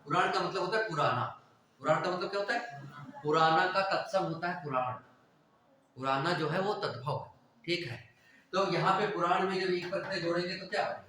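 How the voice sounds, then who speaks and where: A man's voice: high-pitched, a little fast, pushed and bright. A man teaching a grammar class who repeats words and quizzes his students, recorded in a classroom. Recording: echoey classroom, mic far off.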